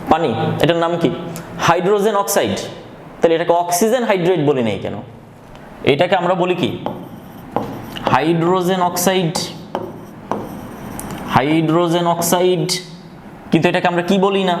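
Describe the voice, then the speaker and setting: A man teaching a chemistry lesson, asking questions and answering them himself, repeating key phrases slowly. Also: a little high. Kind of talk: recorded classroom lesson. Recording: echoey room with faint background noise.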